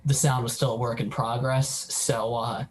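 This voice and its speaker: A man's voice: medium pitch, level tone, normal speed, a little hiss or hum. A young man in his twenties, a guitarist, telling a story casually in an interview with frequent ums. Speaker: band guitarist.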